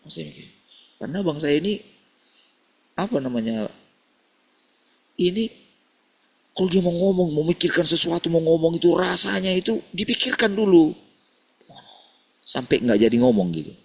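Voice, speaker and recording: A man's voice: a little high, animated, moderate pace, pauses often, slightly rough. A man preaching a morning sermon in a casual, conversational way, often calling listeners "saudara" and acting out family dialogue. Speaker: pastor.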